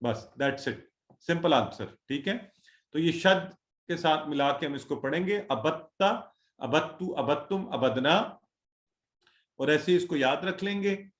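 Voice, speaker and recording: Man teaching an online class, patient, drills word lists, slightly raised pitch, roomy echo. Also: unhurried. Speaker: Quran Arabic teacher.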